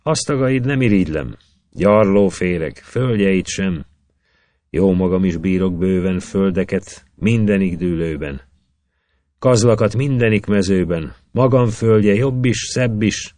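A man's voice: low-pitched, dark tone, no echo, natural voice. A man voicing a scornful old sage. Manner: boastful, dismissive, rhythmic verse. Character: old wise male singer-sage, proud and scornful.

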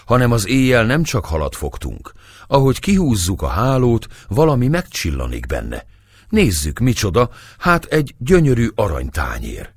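A man's voice: mid-range voice, huge pitch swings, slightly rough, no room sound, studio quality, pitched above the performer's own voice, exaggerated voice. A man reading aloud and voicing a clever young man who speaks humbly and persuasively. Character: clever young Hungarian man posing as a singer.

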